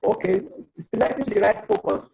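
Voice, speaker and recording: A man's voice: normal speed, warm tone, muffled recording. A man speaking earnestly as a webinar panelist over an online conference call with an earphone mic, the audio breaking up. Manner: earnest, advising, repeats himself. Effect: heard over a breaking online conference call. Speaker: webinar panelist on data protection. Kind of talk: advisory talk on a video call.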